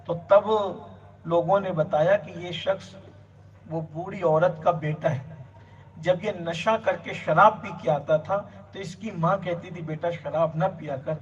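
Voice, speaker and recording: A man with a fairly high voice preaches a religious sermon and drives his points home through long, repeated lists. He sounds set back from the mic, and the recording is dull and lo-fi. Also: fairly even intonation, far from the mic.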